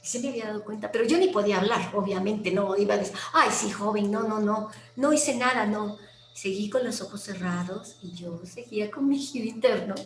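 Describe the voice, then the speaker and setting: A woman with a Mexican accent, a guest telling a personal story in a lively way, acting out quoted voices and sometimes dropping to a near whisper. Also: mid-range voice, fairly quick. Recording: roomy with faint background noise.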